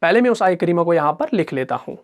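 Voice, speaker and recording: A man with an Urdu-speaking accent teaching Quran recitation rules step by step, asking questions and answering them himself, and chanting example words slowly with drawn-out syllables. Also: a little high, very animated. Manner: patient, repeats each example slowly. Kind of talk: step-by-step tajweed lesson.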